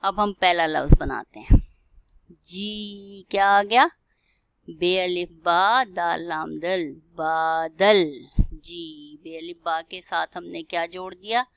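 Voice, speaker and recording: A woman's voice: lowish voice, vocal fry, fairly bright tone, dry recording. A woman teacher reading to young children, spelling each word letter by letter and asking them questions after every line. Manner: spells words letter by letter, slows down to sound them out; keeps asking the children questions and checking "okay?". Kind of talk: recorded classroom lesson.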